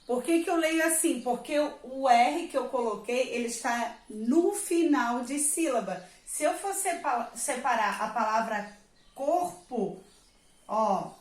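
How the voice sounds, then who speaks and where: A woman's voice: high-pitched, measured pace. A woman teacher, patiently explaining a reading lesson to young children, drawing out the example words and checking in often. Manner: stretches and stresses example words. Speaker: primary school teacher. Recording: echoey room.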